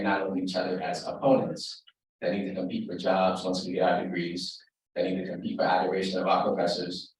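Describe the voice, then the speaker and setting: Deep, flat-voiced man in an echoey hall. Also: slight background noise. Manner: earnest, long-winded, with many fillers. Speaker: audience member asking a question. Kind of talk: open forum question. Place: university lecture hall. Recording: echoey hall, speaker far from mic.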